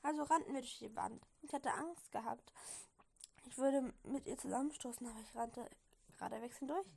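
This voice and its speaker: A woman with a high voice and a gravelly fry reads a fan story aloud in a casual way. She has a slight cold, and she keeps stumbling over words, giggling and correcting herself as she goes. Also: fairly quick, a little mellow. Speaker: reader.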